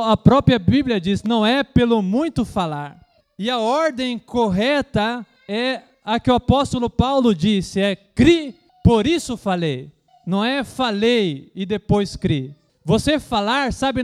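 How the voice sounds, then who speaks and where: A man with a notably high voice preaches a sermon, asking his listeners rhetorical questions again and again and pausing for their amens. At times he mimics loud, shouted prayers before dropping back to a plain teaching tone. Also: clean tone. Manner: preaching with frequent rhetorical questions and calls of amen; acts out loud shouting prayers as a mock imitation. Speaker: pastor.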